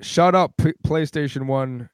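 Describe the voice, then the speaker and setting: A man's voice: a little high, measured pace, clean tone. Joking podcast co-host man. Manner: joking, laughs often. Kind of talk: casual chat.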